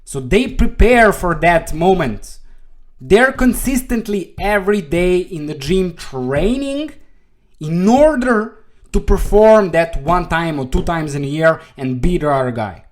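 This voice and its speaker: A man's voice: sits high, lively intonation, unhurried. Man, English, trading coach, blunt, emphatic, profane, casual lesson. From Serbia. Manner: blunt, emphatic, swears freely, repeats "okay?".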